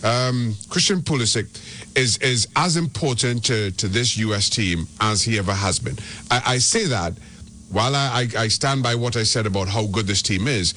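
A man's voice: medium pitch, normal speed, pushed and bright, a little hiss or hum. A man from Trinidad and Tobago, giving soccer analysis as a radio guest and often restarting his words. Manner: repeats and restarts words when making a point. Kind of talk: radio sports talk.

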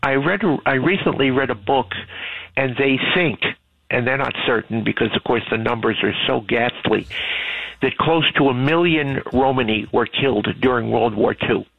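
Male phone-in guest: husky, knowledgeable explainer over a thin, phone-filtered line. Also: mid-range voice, moderate pace, no echo, phone-quality sound. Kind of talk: casual talk-radio conversation.

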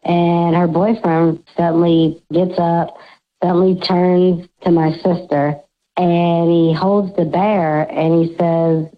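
A man's voice: on the high side, little pitch movement, takes it slowly. An anonymous male caller whose voice is disguised by a voice changer, casually telling a story on a call-in show. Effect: voice changer disguising his voice. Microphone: phone. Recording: dull phone line.

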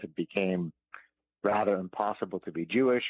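A man in his fifties from Lebanon, a guest author answering interview questions in a measured way with some hesitations. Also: low-pitched, breathy edge, dry recording. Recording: tinny phone line.

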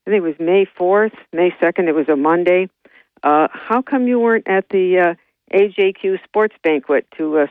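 A woman's voice: lowish voice, no echo. A woman calls in to a radio show over a landline phone, and her voice comes through tinny and narrow. The sound is dry and close, with no room around it. She talks bluntly and teasingly, stumbling over fillers. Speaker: caller. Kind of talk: call-in radio chat.

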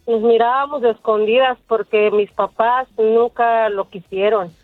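A woman's voice: on the high side, fairly even intonation, unhurried, no echo. A woman from Mexico calling into a radio show, answering simply. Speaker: caller. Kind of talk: phone call to a radio show. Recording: tinny phone line with faint music.

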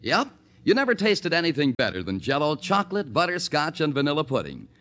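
A man's voice: fairly high pitch, wildly swooping pitch, fairly quick, fairly bright tone. A man with an American accent doing polished, emphatic 1940s radio announcing and sales reads. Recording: old 1940s radio broadcast recording.

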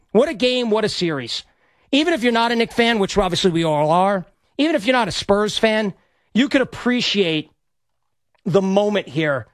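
A man hosting sports radio from a studio gets worked up over a live game, rambling on, stammering, and repeating lines. His slightly hoarse voice sits high, and the recording is dry.

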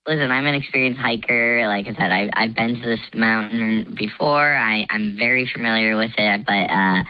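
A man on a call telling a casual confession story, his voice disguised by a voice changer that pitches it far down, rambling and saying "like" often. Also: normal speed, smooth, dull audio. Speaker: anonymous caller.

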